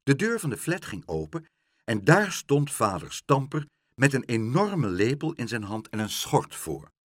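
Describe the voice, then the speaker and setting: A man reading a children's book aloud with very expressive storytelling and a slightly husky voice. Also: medium pitch, unhurried, dry recording, clean studio sound.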